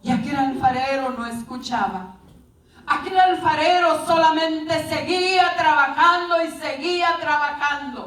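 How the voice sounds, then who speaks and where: A woman preacher tells a parable to her congregation, calling them brothers and sisters. Her voice is high and unhurried. It is picked up from afar in a roomy, echoing space. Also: a bit bright. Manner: storytelling, addressing the congregation as brothers. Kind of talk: sermon. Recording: echoey room, distant mic.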